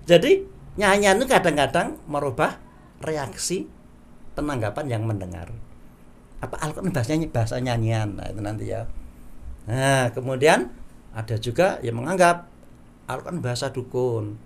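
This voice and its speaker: A male Islamic teacher giving a religious lecture, who chants verses slowly and acts out everyday examples in a raised voice. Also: medium pitch, lively intonation, gravelly, slight background noise.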